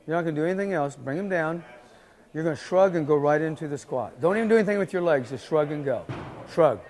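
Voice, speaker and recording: Male lifting coach, higher-pitched, pushy repeated cues. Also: expressive, quick pace, a little mellow. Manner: insistent, repeating cues, short commands. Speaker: weightlifting coach. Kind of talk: live coaching instruction.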